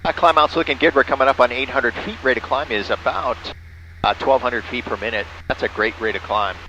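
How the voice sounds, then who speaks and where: A man with a bright, medium-pitched voice speaks briskly and in a steady tone while flying a small plane, casually narrating and making amateur radio calls as a pilot and operator. He spells callsigns phonetically. The audio is dull, with a faint engine behind him.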